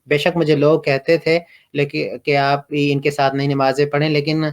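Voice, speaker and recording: A middle-aged man from Pakistan, telling his personal story slowly and hesitantly, with many pauses and fillers. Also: a little high, level tone. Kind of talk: reflective personal testimony.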